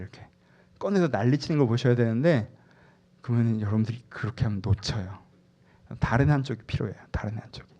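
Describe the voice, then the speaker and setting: Man, pastor, sermon, lively storytelling, mid-range pitch, acts out voices. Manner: animated storytelling, acts out inner voices loudly.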